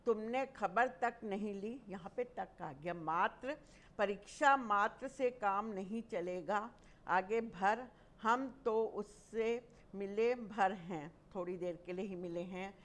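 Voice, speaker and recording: A woman teaching a school grammar class at an unhurried, deliberate pace. She explains each term and then goes back over her examples one by one. Her pitch sits in an ordinary middle range.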